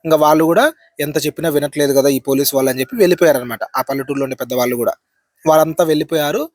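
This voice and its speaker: A man's voice: fairly high pitch, racing. A man hosting a horror channel, telling a ghost story in a chatty spoken way, repeating phrases and tagging lines with a filler.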